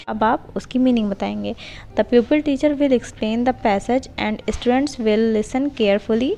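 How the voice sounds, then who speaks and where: Brief: young Indian-accented woman, tutor voice, slightly high with some fry, faint hiss behind. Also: darkish tone, low-quality recording. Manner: mixes Hindi and English, reads English lines slowly. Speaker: teacher-training tutor. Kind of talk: explaining a lesson plan step by step.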